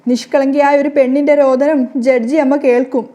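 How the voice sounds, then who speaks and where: A woman voicing a sharp-tongued young wife who mocks and argues back with quick retorts, in a storybook retelling. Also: high voice, little pitch movement, dry recording, close to an everyday voice. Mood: indignant.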